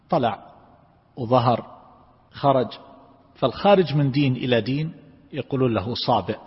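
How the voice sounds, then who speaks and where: A man teaching a lesson on Quran commentary, explaining word meanings and repeating key terms. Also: fairly low pitch. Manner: explanatory, repeats key words, asks listeners if clear. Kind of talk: classroom lecture on word meanings. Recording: lo-fi recording with long hall reverb.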